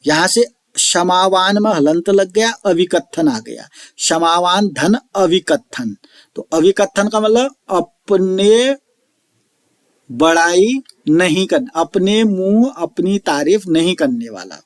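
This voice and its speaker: A man teaching an online lecture, slowly explaining each term and repeating it, reciting verse lines drawn out. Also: high-pitched, animated, no echo, clean studio sound. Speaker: Sanskrit teacher.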